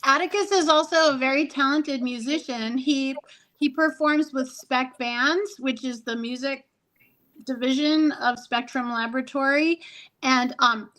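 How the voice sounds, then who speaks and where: A woman's voice: high voice, a bit bright, poor audio. A woman co-hosting a podcast in casual chat, talking chattily with many "um"s and restarts. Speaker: podcast co-host.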